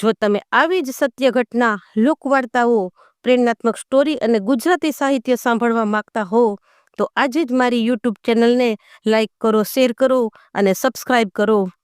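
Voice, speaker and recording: Woman, folk tale storyteller, smooth clear voice, dry close sound. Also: a little high, moderate pace, no echo. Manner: dramatic storytelling in rustic Gujarati dialect.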